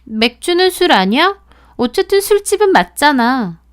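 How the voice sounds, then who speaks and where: A woman voicing a scheming young female friend who gets shrill and defensive when accused. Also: big pitch swings, moderate pace. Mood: indignant.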